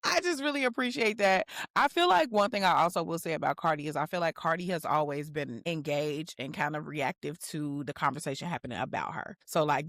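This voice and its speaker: A woman co-hosting a podcast in casual chat, her voice sitting a little low. She talks in playful, animated bursts. The sound is dry and close, with no room around it. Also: dry recording. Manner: animated, playful, bursts of laughter and rapped quotes. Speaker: podcast co-host.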